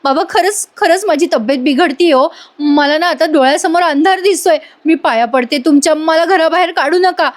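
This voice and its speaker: A woman's voice: high-pitched, moderate pace, pitched above the performer's own voice, close to an everyday voice. A woman voicing a desperate young wife in a TV serial recap, pleading and stammering over repeated words.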